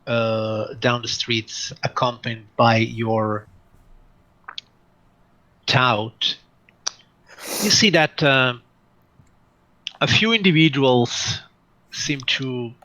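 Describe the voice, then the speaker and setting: A man narrating a tabletop game as dungeon master, with many pauses and fillers. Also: mid-range voice, pushed and bright, muffled recording. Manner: hesitant, many fillers, slow in places.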